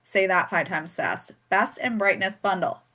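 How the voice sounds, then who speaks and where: A woman's voice: mid-range voice, measured pace, bright, forceful tone. A woman hosting a live skincare product demonstration, chatty and joking as she walks through each step. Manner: chatty and joking, laughs often. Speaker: host and skincare consultant.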